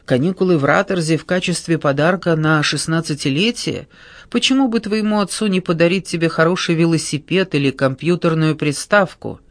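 Male narrator voicing a wry middle-aged woman, cool metallic tone, slightly high voice, dry close sound. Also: brisk, dry recording, lightly acted.

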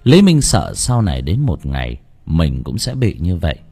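Husky, animated male storyteller. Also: sits low, normal speed, faint music behind. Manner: dramatic, emotive storytelling. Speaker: audiobook narrator. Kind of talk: scripted story narration.

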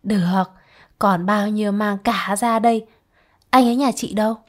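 A woman's voice: mid-range voice, steady tone, normal speed, natural voice. A woman voicing a swaggering, lecherous male soldier who bullies and threatens, in a spoken storybook reading. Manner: brash, flirty, then threatening.

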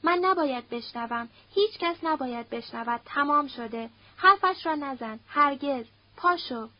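A woman's voice: high-pitched, lively intonation. A woman reading the part of a determined young man who gives short, urgent commands in a story. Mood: stern. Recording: dull lo-fi recording.

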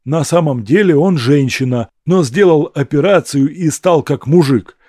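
A man voicing a scrappy, chatty young hustler who talks quickly and cheekily. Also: on the high side, mellow, husky, dry recording, clean studio sound, voice pushed up. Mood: cheeky.

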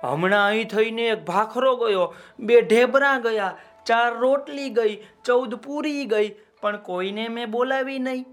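A man voicing a sly, flattering pot-bellied man who fawns with drawn-out welcomes in a children's story. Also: very high voice, soft background music, pitched above the performer's own voice. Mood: coaxing.

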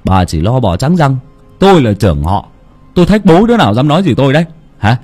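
A man's voice: medium pitch, sing-song, fast talker, darkish tone, faint music behind, pitched above the performer's own voice. A man voicing an arrogant old clan elder who blusters and scoffs. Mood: blustering scorn. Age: older. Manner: blustering, scornful.

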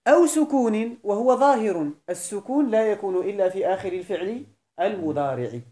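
A man with a Moroccan Arabic accent, teaching a grammar class as a sheikh. He asks his students questions and repeats each definition slowly. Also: high-pitched, expressive, dark tone. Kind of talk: classroom lecture.

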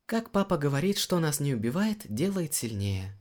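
A male audiobook reader voicing a cheerful, lively young woman healer. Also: fairly high pitch, normal speed, pitched above the performer's own voice. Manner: bright, lively, reassuring.

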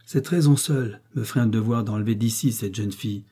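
A man reading an audiobook, voicing a domineering, coldly ironic prince with a dark, husky voice. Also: on the low side, brisk. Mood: cold, commanding. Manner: commanding, cutting and sarcastic.

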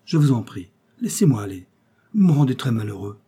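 A man voicing an excitable Italian male host who pleads agitatedly and turns furious, in a storybook reading. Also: mid-range voice, a little fast, husky. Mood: pleading.

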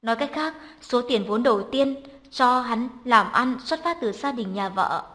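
A woman narrating a novel as an audiobook reader, in a calm, even reading voice. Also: fairly high pitch, measured pace.

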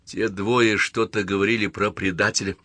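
A man's voice: on the low side, fairly even intonation, moderate pace, pushed and bright, no echo. A man reading an audiobook, voicing an anxious, bewildered young man with a wry, uneasy manner.

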